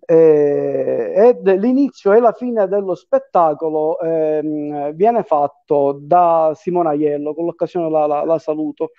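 A man's voice: on the high side, slow pace, few pauses, highs cut off. A middle-aged man with a Sicilian accent, talking conversationally as a guest from home on a video call. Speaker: guest on a live show. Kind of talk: conversational discussion. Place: living room at home. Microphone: wired earphone mic on video call.

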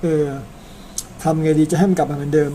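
A man's voice: a little high, fairly even intonation, fairly quick, warm tone, a little hiss or hum. A man from Thailand narrating an old epic in a chatty, casual way, tagging his sentences with polite particles and slipping in personal asides. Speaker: storyteller.

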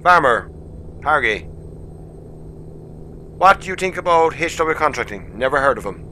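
Kerry man chatting over loud engine hum. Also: medium pitch, big pitch swings, moderate pace. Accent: Kerry, west of Ireland. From County Kerry, Ireland. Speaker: game streamer. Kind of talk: casual livestream chat. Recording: noisy mic with loud vehicle hum.

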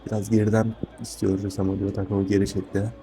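A man's voice: lowish voice, completely flat delivery, normal speed, dark tone. A man hosting live football commentary, often repeating players' names and short phrases. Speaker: football commentator and channel host. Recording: music and crowd behind the voice.

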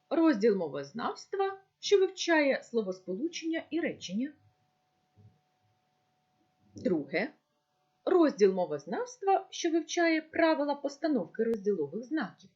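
A woman teacher giving a recorded lesson, speaking slowly and deliberately as if dictating. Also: high voice, a little mellow, dull audio. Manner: slow, deliberate dictation-like delivery.

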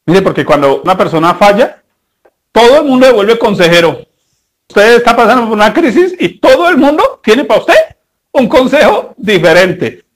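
A pastor with a high-pitched man's voice preaches with lively energy. He keeps firing rhetorical questions at the congregation and mocks the characters in his stories, speeding up and slowing down as he drives each point home. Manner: animated, rhetorical questions, sudden shifts in pace; mocking, acts out the people in his stories. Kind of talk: sermon.

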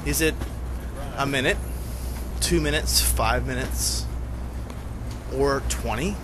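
A man's voice: medium pitch, takes it slowly. A man in his thirties filming himself at arm's length, giving sarcastic running commentary on a road trip. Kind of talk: casual vlog narration to camera. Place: city streets outdoors, later inside a truck cab at night. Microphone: handheld camera at arm's length. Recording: noisy street and traffic background.

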